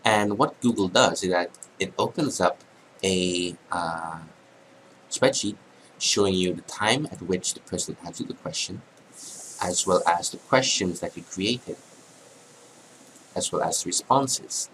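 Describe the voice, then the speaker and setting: A man with a cold, hoarse and congested, talking through a screen-recorded software tutorial in a casual, halting way with many ums. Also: low voice, a little hiss or hum, poor audio. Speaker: tutorial narrator.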